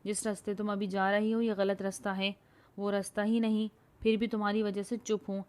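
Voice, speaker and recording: A woman's voice: medium pitch, level tone, a little mellow, natural voice. A woman voicing a young man who speaks in a firm, curt, exasperated way. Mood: angry.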